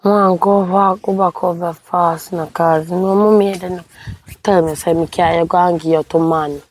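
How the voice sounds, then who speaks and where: A woman's voice: on the low side, steady tone, moderate pace, a little hiss or hum, lightly acted. An actress with a Jamaican accent playing a weary young woman who complains about her mother.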